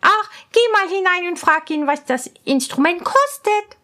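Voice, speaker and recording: A spoiled young princess from a fairy tale, piping high and loud as she orders people about, as a woman reading the story puts her on. Her voice is bossy and imperious, and she drags out her words slowly. It is storybook reading with a strong put-on voice. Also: animated, exaggerated voice. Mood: haughty.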